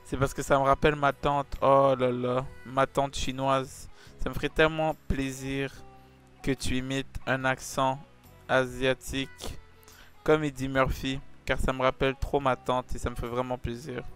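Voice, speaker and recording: A man hosting a comedy chat, pleading and insistent, swinging from mumbles to shouts. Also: mid-range voice, level tone, normal speed, soft background music. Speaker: YouTuber host.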